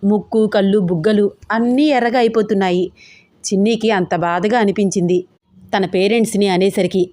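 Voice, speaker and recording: A woman narrating a romantic audio story in a steady, expressive reading voice. Her pitch is middle for a woman, and the sound is close and dry with no room around it. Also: fairly quick, no room sound.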